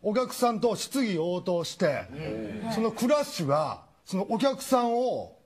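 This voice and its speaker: A man's voice: high voice, unhurried. A man with a Kansai accent telling a comic story on a talk show and acting out each character. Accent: Kansai Japanese. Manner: animated, acts out every character. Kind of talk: comedic anecdote on a talk show. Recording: studio audience laughter behind.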